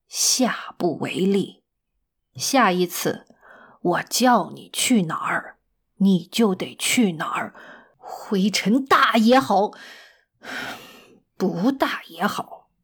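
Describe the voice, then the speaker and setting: A woman voicing a polite, stiff English gentleman manager who speaks slowly with sighing restraint. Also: medium pitch, animated, slightly rough, voice pushed down, heavily acted. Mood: stern.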